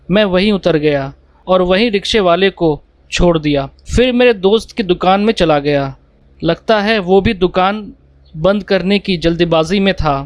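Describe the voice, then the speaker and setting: High-voiced man telling a horror story. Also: no room sound. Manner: plain storytelling, voicing dialogue without changing voice. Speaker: narrator. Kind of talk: first-person horror story narration. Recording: dry close mic with faint music behind. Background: faint background music.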